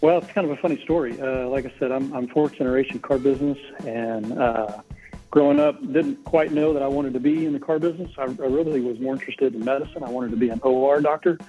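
Over a muffled, tinny, phone-like remote call, a middle-aged man from Texas, United States, who owns a business, tells his story casually as an interview guest. He talks fast in a mid-range voice with a dark tone, and soft music plays in the background.

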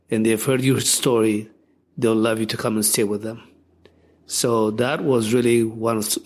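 Older man, mid-pitch voice, reflective and halting storyteller, interview guest. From Ethiopia.

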